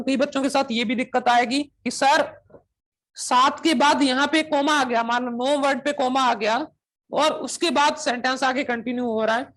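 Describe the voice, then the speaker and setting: A man with an extremely high, fairly bright voice leads a coaching class, quizzing students nonstop and asking again and again if they understand. He mixes Hindi and English demonstration phrases as he goes.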